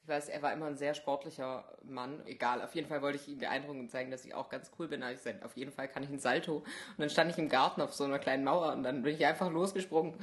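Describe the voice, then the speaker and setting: A young woman co-hosting a podcast in casual chat, telling lively stories and laughing often. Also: low voice, fast. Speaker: podcast co-host.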